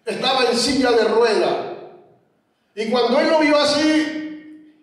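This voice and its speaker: A man preaching with a strikingly high voice, talking slowly and directly to the people in front of him. He tells his stories in a church hall, and his sound reaches the mic from well off, carrying a heavy echo. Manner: storytelling, addressing the congregation directly. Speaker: pastor. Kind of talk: sermon. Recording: very echoey, from far off the mic.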